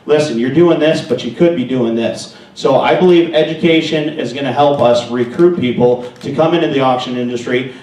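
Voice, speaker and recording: A man's voice: mid-range voice, darkish tone. An American man working as an auctioneer, speaking at a live competition. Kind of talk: competition interview answers and live auction chant. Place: large indoor hall at a live contest. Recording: echoey hall, distant microphone.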